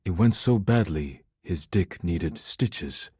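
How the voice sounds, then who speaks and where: A voice actor in a dating simulator plays a solemn, earnest man who loves poetry, speaking formally with measured pride and carefully chosen phrases in a dry reciting mood. His low, heavily husky voice is mellow and expressive, heavily acted, and recorded close and dry with no echo.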